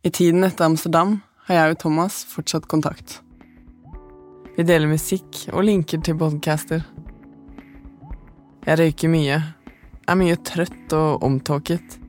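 A woman, the podcast's narrator, telling her own story in calm, measured, scripted first-person narration. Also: low voice, soft background music.

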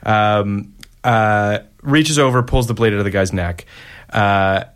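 A man's voice: on the low side, slow pace, a bit bright, smooth. Man casually recapping a film plot. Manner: recaps plot, laughs often, hesitant fillers. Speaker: podcast co-host. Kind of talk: casual chat.

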